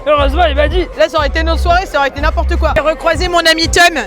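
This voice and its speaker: A woman's voice: very high-pitched, fairly even intonation, very fast. A tipsy woman in her twenties, vlogging casually to camera in a chatty, slangy, self-mocking way. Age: 20s. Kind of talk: casual vlog chat to camera. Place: outdoor party boat. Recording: loud party music and crowd noise.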